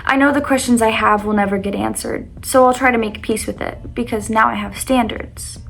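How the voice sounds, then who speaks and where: A woman's voice: a little high, fairly even intonation, normal speed, gravelly, fairly bright tone. A young adult woman reading personal poems aloud with casual commentary, in an earnest, vulnerable and slightly self-conscious way. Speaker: vlogger reading their own poetry.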